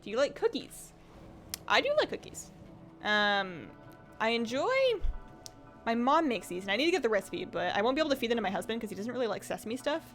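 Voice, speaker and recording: A woman chats in a sing-song way during her gaming livestream, rambling and reading viewers' comments aloud. Her voice is fairly high and fairly bright, a little fast, slightly strained from talking, with soft background music.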